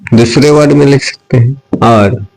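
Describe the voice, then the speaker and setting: A man's voice: medium pitch, measured pace, darkish tone, soft background music, rough recording. A male teacher giving a grammar lesson, who keeps asking and answering his own questions and slips between example sentences and explanation.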